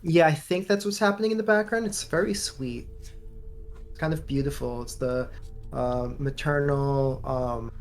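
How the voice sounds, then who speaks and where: A man's voice: a little high, unhurried, soft background music. A man co-hosting a let's play over a voice call, talking in playful, rambling bits that trail off. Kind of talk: casual gaming commentary.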